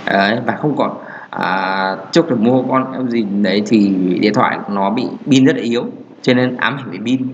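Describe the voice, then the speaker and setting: A man's voice: on the low side, lo-fi sound, slight background noise. Rambling man talking on a podcast. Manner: rambling with many fillers and restarts. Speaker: podcast host. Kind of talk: casual solo podcast talk on marketing.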